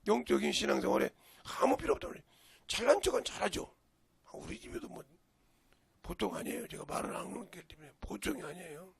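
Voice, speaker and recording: A man's voice: high-pitched, huge pitch swings, fast talker, creaky, slightly rough. An older man with a Jeolla Korean accent, a pastor preaching a folksy, storytelling sermon with sudden emphatic rises. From Jeolla region, Korea.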